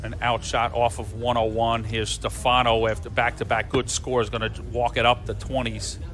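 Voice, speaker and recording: A man's voice: medium pitch, level tone, normal speed, fairly bright tone. A man giving live sports commentary on a darts match.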